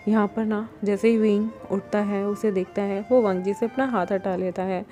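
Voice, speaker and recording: A woman's voice: medium pitch, steady tone, moderate pace, warm tone, faint music behind. A woman retelling a story in a chatty, casual way, talking to her listeners.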